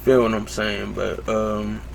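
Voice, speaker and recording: A man's voice: on the low side, little pitch movement, vocal fry, a little hiss or hum. A young man hosting a solo podcast at home late at night, rambling casually with lots of fillers and breaking off his own sentences. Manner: loose, self-interrupting, lots of fillers; slow, drowsy late-night talk.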